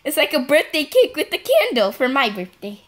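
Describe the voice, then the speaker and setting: Giggly high-voiced woman gaming. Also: very animated, normal speed. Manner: giggly, playful, chatty. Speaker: gaming channel host. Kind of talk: casual let's-play chat.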